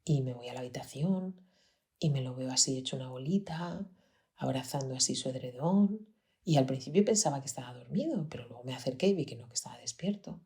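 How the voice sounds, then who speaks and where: A woman with a Peninsular Spanish accent and a strikingly low, deep voice, hosting a podcast. She tells a personal story in an earnest, reflective way. She often sinks to a near-whisper. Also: fast, darkish tone. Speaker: podcast host, pediatrician.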